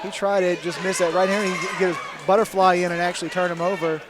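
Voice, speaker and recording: A man's voice: sits high, flat delivery, fast. A man calling a live mixed martial arts bout as commentator in a casual, conversational style. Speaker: fight commentator. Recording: noisy arena with crowd. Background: crowd noise.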